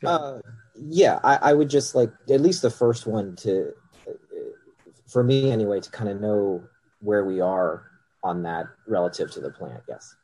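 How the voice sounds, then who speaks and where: A man's voice: on the low side, unhurried, mellow, husky, low-quality recording. A man council member making hesitant remarks with many fillers during a meeting.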